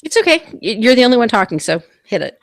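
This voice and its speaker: A woman's voice: fairly high pitch, sing-song, quick pace. A woman hosting a live online talk stream, chatting casually and rambling with restarts on a computer mic.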